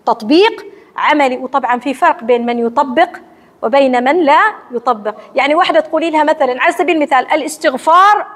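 A woman with an Omani accent giving a religious lecture to women in a mosque hall, asking and answering her own questions in a lively teacherly way. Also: high voice. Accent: Omani Arabic. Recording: long hall reverb.

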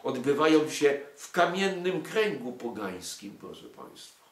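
A man's voice: mid-range voice, big pitch swings, a little slow. An older man giving an emphatic lecture to an audience, full of rhetorical questions and indignant asides. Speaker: lecturer on music and culture. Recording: echoey room.

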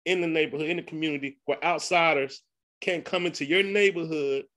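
A man's voice: on the high side, fairly even intonation, brisk, fairly bright tone. A man hosting a podcast, talking loosely and laughing often, with 'man' tacked onto his sentences. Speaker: podcast host. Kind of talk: casual conversation.

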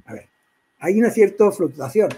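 Catalan-accented man lecturing on poetry, husky. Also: high voice, lively intonation, mellow, low-quality recording. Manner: halting, many restarts and throat clearing. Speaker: workshop speaker on poetry. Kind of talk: informal lecture to a writers' group.

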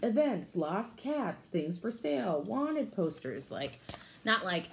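A woman in her thirties reads a picture book to young children the way a teacher would, very animated and slow, with a medium pitch and casual explanatory asides. She's in a small room at home, and the home recording has poor audio with clear background noise.

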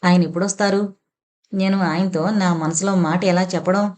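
A woman's voice: on the low side, steady tone, moderate pace, a little mellow, lightly acted. A woman voicing a proud, defiant young woman held captive in an audio novel, firm and scornful. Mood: coy.

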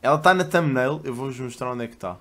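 A man's voice: medium pitch, fast talker. A man in his twenties with a European Portuguese accent, chatting casually and slangily as a streamer while reacting to videos, swearing freely. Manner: swears freely, bursts into loud laughing outbursts.

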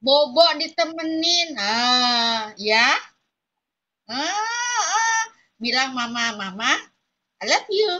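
A young woman leads an online kindergarten class, speaking slowly and coaxing the children in a playful singsong. Her voice sits high and sounds bright, and the audio is dull and lo-fi like a video call. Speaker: kindergarten teacher.

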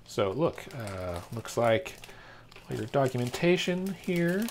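With big swings in his medium-pitched voice and a slow pace, this product reviewer narrates an unboxing loosely, musing aloud as he works. He's an American man, probably thirties or forties, and handling clicks and clear background noise are audible.

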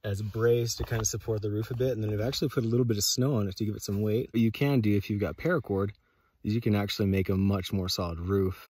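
A man in his thirties speaks in a fairly low voice, explaining things casually for a vlog. His delivery is informal and a bit halting. The sound is very dry, picked up at arm's length inside a tight little snow shelter. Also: steady tone, a little mellow, breathy edge, dry recording. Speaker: host of an outdoor radio channel. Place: inside a small snow shelter under a tarp. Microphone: phone or camera at arm's length.

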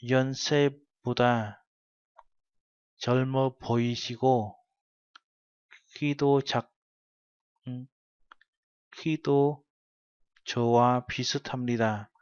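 A man's voice: mid-range voice, fairly even intonation, normal speed, long pauses, clear, resonant tone, dry recording. A male teacher patiently explaining a textbook lesson and translating each phrase step by step. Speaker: Korean language teacher. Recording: dull lo-fi recording.

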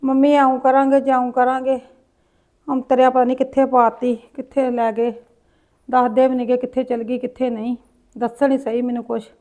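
A woman's voice: sits high, level tone, moderate pace, dark tone, natural voice. A woman acting a lonely, grieving old grandmother who sighs, laments and talks to herself in a village drama. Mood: lonely muttering. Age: older. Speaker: grandmother in a short film.

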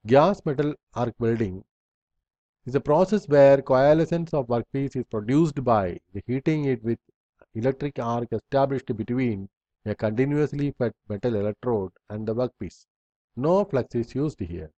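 A man's voice: medium pitch, normal speed, dark tone, dry recording. Man reading lecture slides, dull lo-fi sound. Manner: reads bullet points in short fragments, with slips and restarts. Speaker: instructor.

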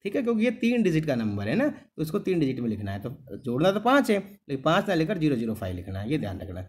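A man's voice: on the high side, wildly swooping pitch, fast, darkish tone. A middle-aged man teaching a maths lesson, patiently repeating each step and checking whether his students follow. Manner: calls the students "beta", keeps asking "clear?". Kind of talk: classroom lesson.

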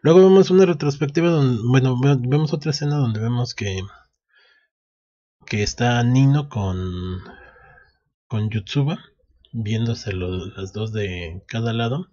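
A man's voice: medium pitch, measured pace, pauses often, warm tone, lo-fi sound. A man recapping a manga chapter in a casual way, reading the lines aloud with frequent restarts. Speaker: anime recap host. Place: at home.

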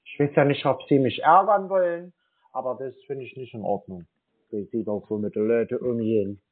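On this phone call, a man with a medium-pitched voice talks fairly quickly, posing as an aggrieved customer and arguing in a long-winded, insistent, scolding way. The recording of the call sounds narrow and tinny.

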